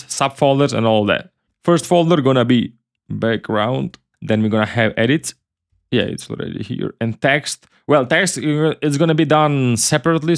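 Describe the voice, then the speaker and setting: Chatty man teaching design. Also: medium pitch. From Ukraine. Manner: loose and chatty, repeats words, swears casually. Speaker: tutorial host. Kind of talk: casual screen-recorded software tutorial.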